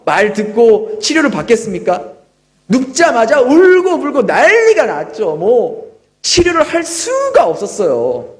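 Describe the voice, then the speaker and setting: A pastor in his thirties delivers a sermon in a church. His voice sits very high for a man. He talks earnestly, like a storyteller, and keeps turning to his listeners with rhetorical questions. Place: church sanctuary.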